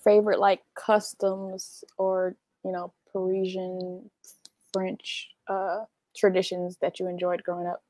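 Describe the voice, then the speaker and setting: A woman hosting a casual interview, asking brisk questions and giving short backchannels. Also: on the low side, completely flat delivery, dark tone. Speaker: host, interviewer.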